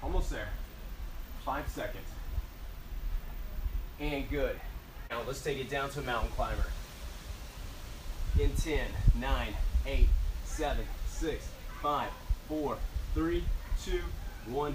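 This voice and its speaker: A man's voice: medium pitch, measured pace, pauses often. A male aerobics instructor leads a timed workout with short, motivating commands and countdowns. He is exercising as he talks. The camera picks him up from a distance on a covered porch, with echo and a faint layer of noise. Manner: motivational coaching, counting down, short urging cues; exercising while talking. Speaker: fitness instructor. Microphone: camera several metres away. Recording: echoey, noisy, distant camera microphone outdoors.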